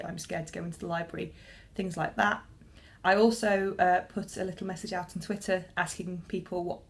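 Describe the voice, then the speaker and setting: A young woman who works as a librarian talks casually to camera in a medium-pitched voice. She's chatty and self-deprecating, restarting her sentences often.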